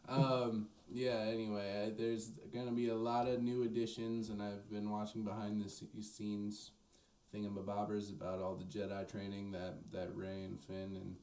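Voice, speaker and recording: A man's voice: on the low side, level tone, moderate pace, warm tone. Rambling young man in an echoey room. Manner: rambling, hesitant, full of restarts. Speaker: podcast co-host. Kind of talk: casual chat. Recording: echoey room, distant mic, faint noise.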